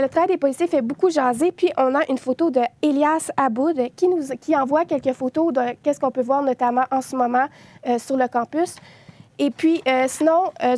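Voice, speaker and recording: A woman's voice: high voice, darkish tone. A young woman reporting on social media reactions for a news show, hesitating often with filler sounds.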